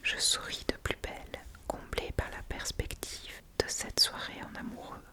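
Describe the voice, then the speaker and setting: A person reading a novel aloud in a soft, hushed ASMR whisper, like someone whispering in a library. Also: measured pace. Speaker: audiobook-style reader.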